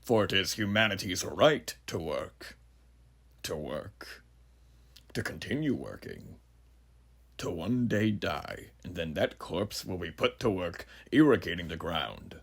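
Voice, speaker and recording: Grandiose and sinister, a man performs the huge, ageless judge, a philosophizing menacing drifter, in a heavily acted horror monologue full of rhetorical questions aimed at the listener. His low voice is very animated and slow, gravelly and husky, breathy at the ends of phrases.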